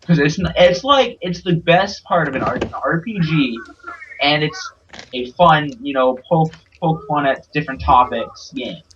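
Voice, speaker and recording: A man's voice: a little high, measured pace, fairly bright tone. A young man from Germany co-hosting a gaming podcast, talking eagerly and repeating words as he starts. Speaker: podcast co-host. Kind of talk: casual chat. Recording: distant lo-fi mic with faint hiss.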